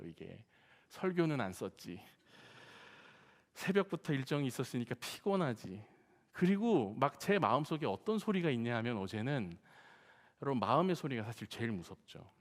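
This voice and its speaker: A man preaching a sermon as pastor, telling humorous stories in a lively way and often addressing the congregation directly. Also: medium pitch. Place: church sanctuary. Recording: long church hall reverb.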